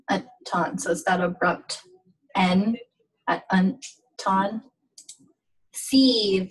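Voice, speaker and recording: A woman teaching a pronunciation lesson, speaking slowly and carefully and repeating each sound and word. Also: medium pitch, slightly rough, distant mic, low-quality recording. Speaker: language teacher.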